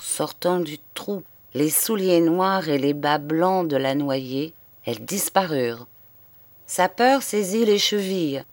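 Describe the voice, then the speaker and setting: A woman narrates a literary story as an audiobook. Her voice sits low and moves slowly, with grave, measured phrasing. The recording is dry and close. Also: no room sound. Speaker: audiobook reader.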